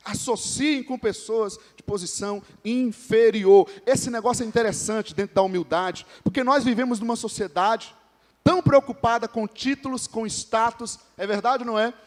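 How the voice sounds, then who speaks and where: A man's voice: extremely high pitch, normal speed. A man with a Brazilian Portuguese accent preaching a sermon, speaking conversationally, calling out to the congregation and joking with named members. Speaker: pastor. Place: church hall. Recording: long church reverb.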